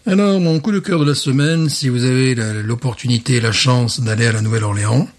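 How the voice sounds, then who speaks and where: A man co-hosting a casual podcast chat who jokes and drops playful asides. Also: mid-range voice. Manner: joking, quick with playful asides. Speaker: podcast co-host.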